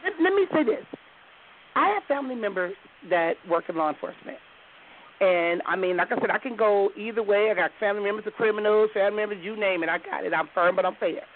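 A man's voice: high-pitched, fast, a little hiss or hum. A man hosting a live call-in talk show, firmly putting questions to callers while losing his voice. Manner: firm, steering the callers with questions. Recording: phone-line quality audio.

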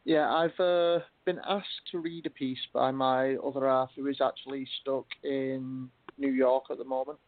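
Flat-voiced man calling in on a phone line. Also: mid-range voice, moderate pace, few pauses, no room sound. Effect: tinny phone-line sound of a call-in caller. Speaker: radio show caller.

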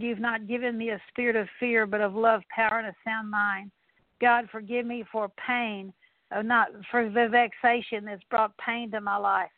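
Over a dry, tinny, phone-like connection without echo, a woman with a fairly high voice guides a prayer of repentance, repeating confession after confession in an earnest litany.

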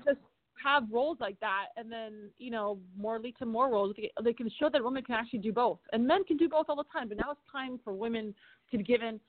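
A woman, an actress and stunt performer, telling animated stories from film sets in a casual interview, swearing and acting out quotes. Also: a little high, a little fast, no echo. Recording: dry thin phone-like sound.

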